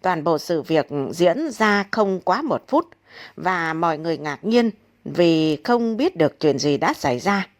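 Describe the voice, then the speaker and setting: Expressive woman narrating comic tales. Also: lowish voice, unhurried. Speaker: storyteller. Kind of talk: reading comic stories aloud.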